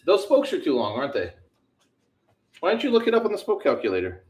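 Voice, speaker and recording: A man's voice: fairly high pitch, huge pitch swings, fast, darkish tone, breathy edge. A man who owns a bike shop, chatting casually with viewers on a livestream while he works, rambling and slangy with lots of fillers. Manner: laid-back, rambling, slangy with many fillers. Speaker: BMX shop owner hosting a livestream.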